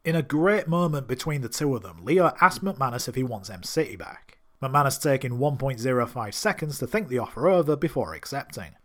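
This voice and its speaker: A man's voice: medium pitch, sing-song, brisk, hardly any pauses. A man narrating a scripted recap of a TV drama episode, enthusiastic with wry asides. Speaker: TV series recap host.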